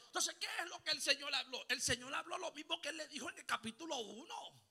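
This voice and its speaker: A man preaching a Pentecostal sermon, calling on the congregation to repeat after him, mixing in English exclamations and building to shouts. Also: very high-pitched, lively intonation, fast talker, vocal fry. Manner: call-and-response preaching, rising to shouts. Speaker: pastor.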